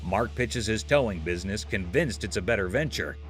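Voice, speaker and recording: A man tells a scripted comedy recap with an animated, up-and-down voice. He leans into jokey comparisons and playful exaggeration. Soft music plays faintly behind him. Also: lowish voice, fairly quick. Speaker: narrator.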